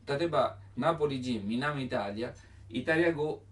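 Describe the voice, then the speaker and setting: A man's voice: medium pitch, moderate pace, recorded from a distance. Italian-accented man teaching, heard from afar. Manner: simple broken phrasing, voices sung examples. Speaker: language teacher. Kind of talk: explaining song lyrics.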